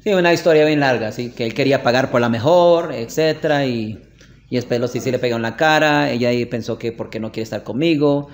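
The man's pitch is medium and his pace a little fast. He leads an informal religious lesson in a classroom, chatting, frequently checking on listeners with "¿ok?", and telling laughing anecdotes.

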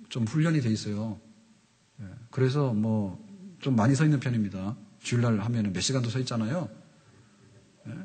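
A man's voice: mid-range voice, a little mellow, husky. A man in his fifties, a pastor preaching a conversational sermon at a pulpit microphone, often asking the congregation questions. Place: church sanctuary pulpit. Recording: reverberant church hall.

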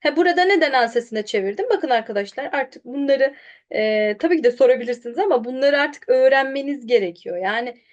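A woman teaching pronunciation online, sounding out syllables slowly and contrasting wrong and right versions. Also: high-pitched. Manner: directly addresses students, quotes them animatedly. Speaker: Quran recitation teacher.

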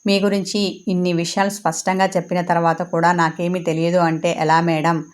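A woman's voice: fairly low pitch, little pitch movement, brisk, close to an everyday voice. A woman doing a sneering scheming rival. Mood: taunting. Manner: sarcastic, taunting.

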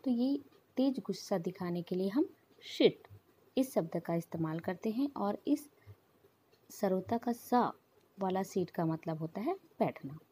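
A woman's voice: medium pitch, expressive, measured pace, dark tone, a little hiss or hum. A woman teaching an English pronunciation lesson to children, patiently explaining with repeated examples.

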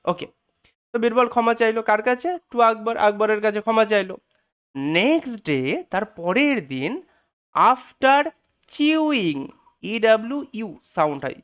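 A man's voice: sits high, a bit bright, smooth. A man teaching English, translating a story line by line, spelling words aloud and asking and answering his own questions.

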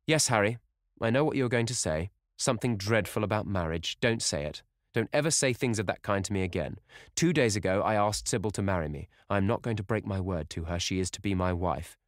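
A man reading an audiobook, voicing a passionate, impulsive young gentleman who speaks earnestly and with emotion. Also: on the low side, expressive, a little fast, few pauses, no echo, clean studio sound, lightly acted.

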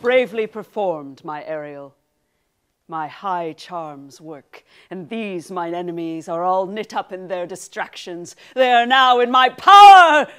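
A woman playing a boastful male would-be king in a comic stage parody, slow, grand and mock-regal. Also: on the low side, pitched below the performer's own voice, close to an everyday voice. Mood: commanding.

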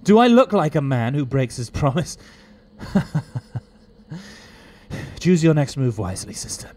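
A man plays a defiant, quirky adventurer hero in an audio drama. His mellow voice swings widely in pitch, theatrical, dropping from flustered mumbles into quiet threat, with ambient noise behind. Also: sing-song, unhurried.

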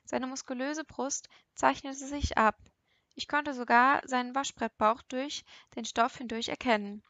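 A woman narrating an audiobook in the first person, with an expressive, lively storytelling manner. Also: high-pitched, measured pace, no room sound.

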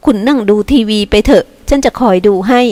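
A bossy older housekeeper scolds and teases in quick banter, read aloud by a woman narrator. Her lines come with a firm, chiding edge. The sound is dry and close to the mic. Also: on the high side, mellow, no echo, pitched above the performer's own voice, close to an everyday voice.

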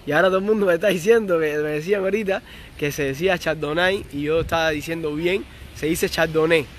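A young Cuban man with a fairly high voice and a Cuban Spanish accent talks fast while chatting casually on a live stream. He reads viewer comments aloud and responds to them.

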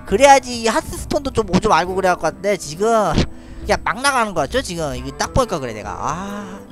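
A man's voice: sits high, big pitch swings, fast talker, faint music behind. A man streaming a card game live, thinking aloud about his moves and laughing often as he chats with viewers. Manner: chatty, thinks aloud, frequent little laughs. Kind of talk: live gameplay commentary.

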